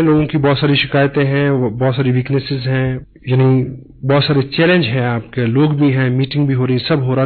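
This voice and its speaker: A man giving a motivational business talk in Hindi mixed with English, preaching hard work and telling parables. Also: medium pitch. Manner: preachy, mixes Hindi and English, tells parables with voiced dialogue. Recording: tinny phone-like sound.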